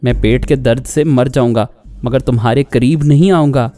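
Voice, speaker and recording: A man's voice: medium pitch, normal speed, dark tone, no echo, soft background music, lightly acted. A man voicing a torn young man who speaks in a coaxing, placating way.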